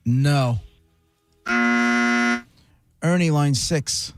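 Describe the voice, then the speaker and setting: A man hosting a call-in radio show, brisk and teasing as he handles callers. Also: a little high, darkish tone, faint music behind. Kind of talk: casual call-in radio banter.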